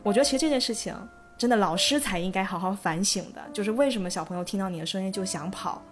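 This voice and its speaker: A woman co-hosting a chatty podcast, telling a childhood story at a quick clip. Her voice sits at an ordinary middle pitch and she laughs easily as she talks. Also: soft background music. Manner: lively, laughs often while telling a story. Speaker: podcast co-host. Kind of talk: casual storytelling chat.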